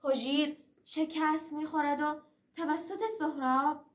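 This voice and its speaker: A woman's voice: high-pitched, little pitch movement, recorded from a distance. A woman reciting a traditional epic in the declamatory manner of a teahouse storyteller, moving between dramatic verse and narration.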